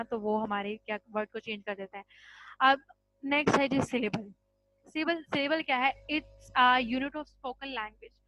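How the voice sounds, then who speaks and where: A woman's voice: on the high side, a bit bright, dry recording, dull audio. A woman teaching English grammar in a patient classroom style, mixing Hindi with English terms and checking in with "ठीक है?" after each point. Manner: addresses students as children.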